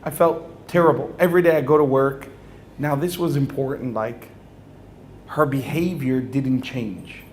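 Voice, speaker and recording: A man's voice: mid-range voice, measured pace, slight background noise. A religious speaker, a man, telling a humorous personal story to an audience, acting out the dialogue and often laughing.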